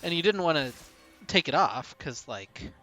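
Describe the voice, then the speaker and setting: A young man casting an esports match, chatty between plays and calling the action fast when fights break out. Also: on the high side, soft background music. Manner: rises to fast excited calls in fights; chatty, laughs between anecdotes. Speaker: esports caster. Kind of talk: play-by-play game commentary.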